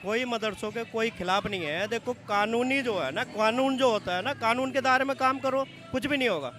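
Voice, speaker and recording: A man answering a street interviewer in a relaxed way, repeating again and again that nothing troubles him. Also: very high-pitched, brisk. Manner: easygoing, insistently repeats that there is no problem.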